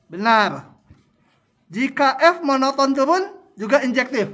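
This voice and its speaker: Male math lecturer, unhurried, quizzes the class, thinks aloud at the board. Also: very high voice, animated, a bit bright. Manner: drawing graphs while explaining, quizzing students with questions; slow, thinking aloud with fillers. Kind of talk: university math tutorial.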